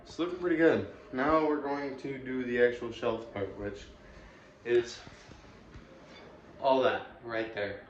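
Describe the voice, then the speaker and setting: A man's voice: mid-range voice, fairly even intonation, unhurried, long pauses, echoey room. A young man giving a casual room tour vlog, rambling with many fillers, filmed on a phone in a small bedroom. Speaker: vlogger. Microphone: phone camera. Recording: dull lo-fi phone audio with faint hiss.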